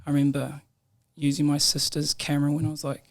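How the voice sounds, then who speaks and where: Fairly high-pitched with vocal fry, a young New Zealander talks fast as a podcast guest. He laughs a lot and tells his stories in a laid-back, slangy way in the podcast room.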